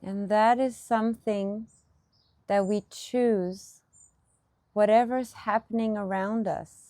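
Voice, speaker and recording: A woman speaks as a meditation teacher, guiding listeners with gentle instructions delivered in brief, unhurried phrases separated by pauses. Her voice is medium in pitch with fairly even intonation, and the recording has no echo.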